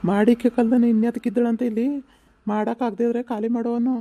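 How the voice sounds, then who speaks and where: Woman doing a lowered, dark-voiced village son, blustering, comedy skit. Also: flat delivery, fast. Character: bewildered grown son caught between wife and mother.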